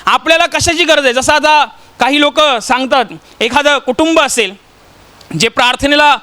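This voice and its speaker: A man's voice: very high-pitched, normal speed, pushed and bright. A man from Maharashtra preaching a sermon, telling stories and putting rhetorical questions to the congregation. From Maharashtra, India.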